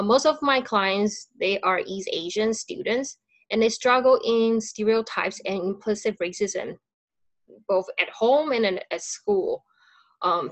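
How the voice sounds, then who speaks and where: Woman counselor on a video call, dry sound, lots of uh, earnest and a bit halting. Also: medium pitch, no echo. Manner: earnest, with frequent "uh" fillers and halting phrasing. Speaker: school wellness counselor. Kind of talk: prepared public comment.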